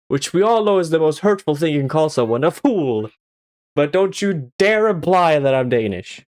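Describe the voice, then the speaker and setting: With a fairly high, expressive and slightly mellow voice at a moderate pace, the Swedish streamer swears a lot and cracks himself up over his own jokes as he plays. The studio-quality recording has no room sound.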